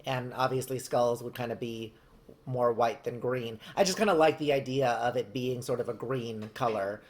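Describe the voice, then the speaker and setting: Speaking at a normal speed in a steady, mid-range voice, this home baker narrates a craft project without a script, chatty and meandering with plenty of hedges. It's a clearly noisy home recording.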